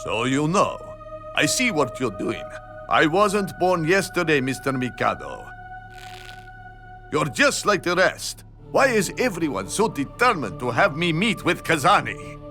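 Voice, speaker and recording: Gravelly, imperious monster count. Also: male voice, fairly high pitch, huge pitch swings, a little slow, sharp tone, faint music behind, full character voice. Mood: stern. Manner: formal, imperious, dramatic. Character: stern, secretive old monster count, loyal police buddy. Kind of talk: animated series dub.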